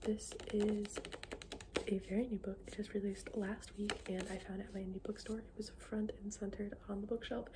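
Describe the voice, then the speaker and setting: A woman whispering softly in an ASMR style as she chats about books, informal and halting, often trailing off. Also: medium pitch, little pitch movement. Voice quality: soft unvoiced whisper. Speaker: ASMR book video creator. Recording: clearly noisy, with clicking sounds.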